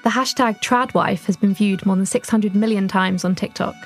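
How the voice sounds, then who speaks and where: A woman's voice: medium pitch, moderate pace, faint music behind. A young woman, a culture writer answering interview questions in a thoughtful, reflective way. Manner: thoughtful, reflective, occasional laughs. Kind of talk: conversational podcast interview.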